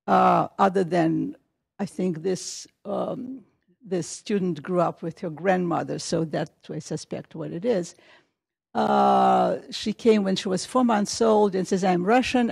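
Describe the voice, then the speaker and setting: A woman's voice: mid-range voice, vocal fry, a little mellow, husky. A middle-aged woman giving a plenary lecture at an academic conference, talking conversationally with restarts and fillers. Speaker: conference speaker. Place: conference hall.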